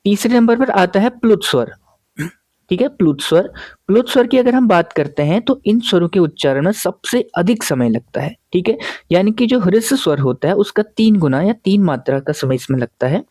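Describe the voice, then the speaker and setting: A male teacher gives a classroom grammar lesson in a warm, mellow yet high-pitched and animated voice, patiently posing questions and answering them himself. He pauses often to check his listeners are following, and the recording is close and dry with no room sound.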